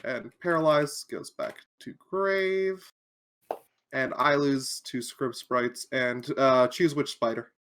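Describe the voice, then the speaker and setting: A woman's voice: extremely low pitch, takes it slowly, fairly bright tone. A woman playing a card game on stream, explaining moves step by step with dry sarcasm. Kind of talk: casual game-night chat.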